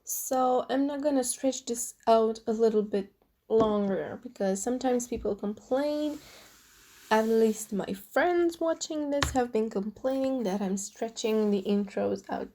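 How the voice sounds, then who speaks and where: A woman's voice: on the high side, mellow. Chatty young woman reading tarot cards. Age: young adult. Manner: chatty, earnest, addresses viewers directly. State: losing her voice. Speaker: tarot reader. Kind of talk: casual tarot reading vlog.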